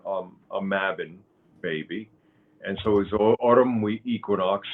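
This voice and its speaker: Cuban-born man, 60s, very deep and unhurried, halting fillers; thin phone-like audio. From Cuba. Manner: slow, halting, with many fillers and restarts. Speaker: guest, author and pagan high priest. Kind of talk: interview conversation.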